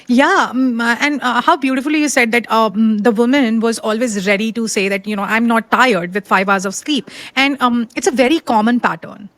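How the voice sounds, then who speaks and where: A woman's voice: on the high side, moderate pace, hardly any pauses, a bit bright, dry recording. A woman hosting a podcast interview, asking questions with frequent fillers and hesitations. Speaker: podcast host.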